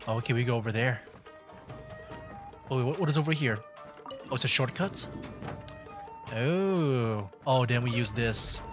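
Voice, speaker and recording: Over the game's music, a man streams his gameplay and muses out loud in a loose, rambling way. He speaks in a mid-range voice at a measured pace, stopping often.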